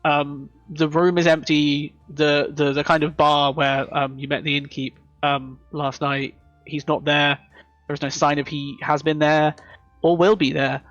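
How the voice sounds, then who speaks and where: A woman improvising narration as a tabletop game master, halting and thinking aloud. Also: deep voice, level tone, no room sound, dull audio, faint music behind.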